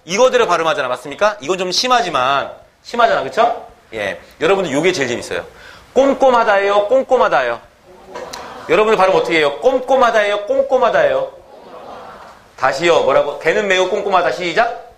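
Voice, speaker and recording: A man teaching a grammar lecture, animated, constantly asking the class questions and mimicking pronunciations. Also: fairly high pitch, fast, few pauses, slight background noise.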